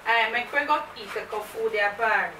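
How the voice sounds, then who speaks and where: Woman, Jamaican accent, high voice, bright tone, chatty vlog host, roomy echo, distant mic, faint noise. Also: fairly quick. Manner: chatty, slips into patois. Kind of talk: casual chat to camera. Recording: echoey room, mic far off, faint noise.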